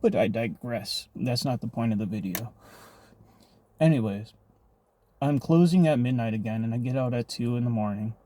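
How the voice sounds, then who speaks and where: A man's voice: mid-range voice, lively intonation, moderate pace, dark tone. A man telling a personal story in a rambling, profane, casual vlog monologue.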